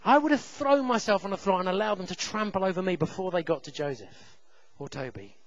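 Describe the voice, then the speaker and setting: A man in his thirties preaching a sermon, telling a personal story with self-deprecating humor and loud shouted reenactments. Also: sits high, animated, a little fast, muffled recording. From England.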